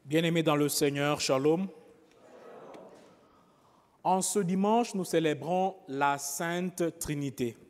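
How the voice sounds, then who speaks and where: Slow-preaching priest in reverberant church. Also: male voice, on the high side. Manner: slow, pausing, with frequent rhetorical "n'est-ce pas". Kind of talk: homily.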